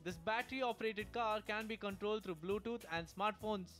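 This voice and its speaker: A man's voice: sits high, moderate pace, fairly bright tone, soft background music. A man reading a scripted news voice-over in a punchy, upbeat way. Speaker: news reporter.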